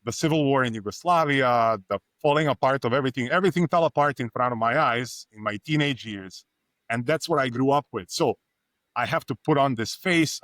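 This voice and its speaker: A middle-aged man from Serbia shares his experience as a panelist, earnest and reflective, often repeating a phrase for emphasis. His voice sits at an ordinary pitch and sounds close and dry, with no room around it. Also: a bit bright, no room sound. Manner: earnest, storytelling, emphatic repetition.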